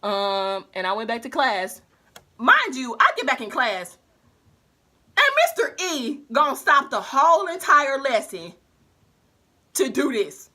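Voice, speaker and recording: A young woman vlogger telling a slangy, animated storytime while doing her makeup. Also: high-pitched, a little slow, long pauses. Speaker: beauty vlogger.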